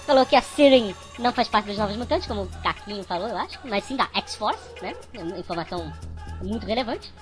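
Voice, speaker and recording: A man voicing a chatty cartoon chipmunk with a sped-up, high-pitched voice and a wry manner. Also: expressive, brisk, music in the background.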